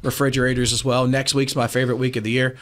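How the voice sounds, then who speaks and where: A man in his forties, an appliance store owner, talking briskly and confidently as a guest on a radio show over a video call. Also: mid-range voice, little pitch movement. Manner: brisk, confident business talk. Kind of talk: casual radio talk interview. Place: small room, indoors, remote video call. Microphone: studio mic with headphones.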